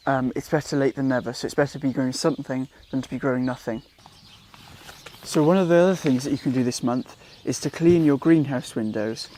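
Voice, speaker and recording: A man's voice: medium pitch, a little hiss or hum. Welsh-raised man chatting casually in a garden. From Wales. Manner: relaxed, chatty, with frequent ums and self-corrections. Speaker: gardening vlogger. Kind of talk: casual how-to vlog. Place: outdoors in a garden.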